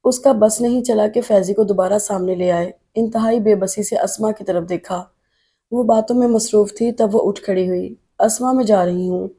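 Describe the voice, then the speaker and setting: A woman narrating a novel in a steady, emotive audiobook reading. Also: mid-range voice, husky.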